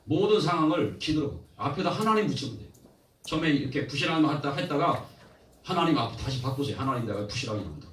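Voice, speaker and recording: A man's voice: fairly high pitch, lively intonation, fast, a little hiss or hum. A male pastor delivering a sermon with a humorous streak, teasing regional dialects and calling for amens from the congregation. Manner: exhorting, draws amens from the congregation. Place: church sanctuary. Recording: echoey church from a distance.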